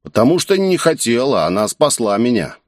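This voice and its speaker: A man voicing an excitable young man who talks in slangy bursts and thinks he is a gangster. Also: mid-range voice, moderate pace, no echo, clean studio sound, pitched above the performer's own voice, lightly acted. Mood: excited. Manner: excited, rambling street slang.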